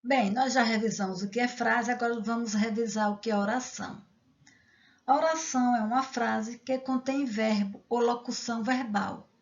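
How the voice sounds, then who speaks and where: A woman's voice: a little high, moderate pace, highs cut off. A woman teacher explaining grammar step by step, reading example sentences and checking in with the class. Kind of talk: grammar lesson.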